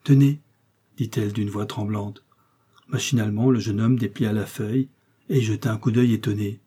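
A man reading a novel aloud as an audiobook reader, in measured, even storytelling. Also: lowish voice, breathy edge. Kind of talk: scripted narration.

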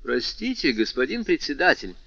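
A man voicing a calm, courteous young male defendant who answers with cool mockery, in a storybook reading. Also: medium pitch, moderate pace, gravelly, no echo, lo-fi sound, heavily acted. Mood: polite defiance. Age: young adult. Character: young male defendant, coolly insolent and polite.

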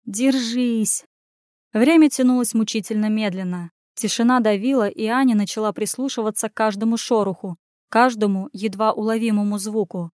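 A woman narrating a fantasy audiobook in an expressive storytelling manner. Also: medium pitch, brisk, no echo, clean studio sound.

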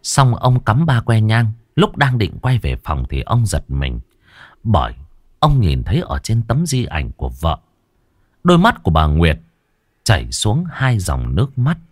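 A man narrating a scripted horror story in a dramatic, drawn-out storytelling manner. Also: on the low side, huge pitch swings, husky, dry recording, studio quality. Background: faint music.

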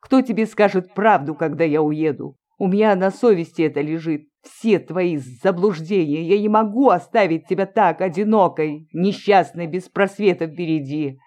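A devout old woman, tearful and imploring, begs softly and earnestly in a mellow, warm tone, as the reader of an audiobook puts her on. Her voice stays low-key and plain rather than heavily acted. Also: normal speed, few pauses, close to an everyday voice. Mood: pleading. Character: pleading elderly woman, pious and tearful. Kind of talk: audiobook reading.

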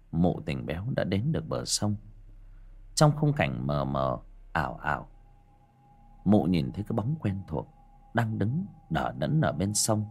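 A man narrating a scripted horror story in a dramatic, expressive way. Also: low voice, husky.

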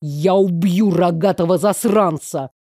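A woman's voice: mid-range voice, animated, normal speed, warm tone, dry recording, clean studio sound, natural voice. A woman voicing a hot-tempered young man, the heroine's brother, who growls and snaps his words in an audiobook. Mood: grim. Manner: growling, snapping.

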